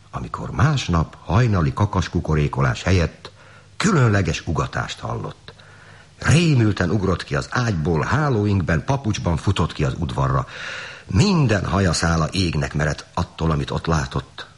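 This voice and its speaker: A man reading a fairy tale aloud in an animated, expressive way. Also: sits low, husky. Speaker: storyteller.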